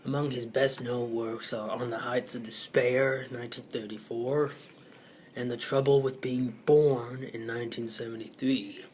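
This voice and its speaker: Slow, halting man reading aloud. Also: medium pitch, level tone, slight background noise. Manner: hesitant, halting, drops into soft muttered asides. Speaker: channel host. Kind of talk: casual reading aloud from a web page.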